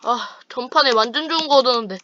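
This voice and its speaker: A woman's voice: a little high, fast, fairly bright tone, highs cut off, a little hiss or hum. A woman hosting a gaming channel, chatting with a friend over voice chat while playing online and trash-talking playfully. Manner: playful teasing trash talk.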